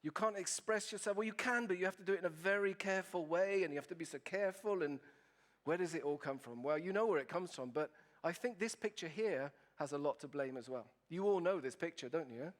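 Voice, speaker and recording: A man's voice: on the high side, a little fast. A man with an Italian accent, giving a humorous talk to an audience and often asking them questions. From Italy. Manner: playful, asks the audience questions. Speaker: keynote speaker.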